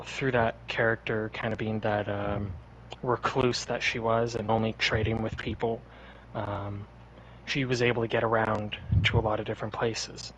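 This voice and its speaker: A man's voice: medium pitch, slight background noise, poor audio. A man guest on a podcast, telling stories in a rambling, laid-back casual way. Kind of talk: casual chat.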